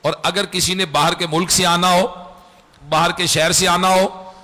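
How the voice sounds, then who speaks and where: Fired-up male preacher, high bright voice, repeats himself and shouts, long echo in a mosque hall. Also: flat delivery, a little slow. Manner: impassioned, repeats phrases for emphasis, bursts into shouts. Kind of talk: sermon. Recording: echoey hall with long reverb.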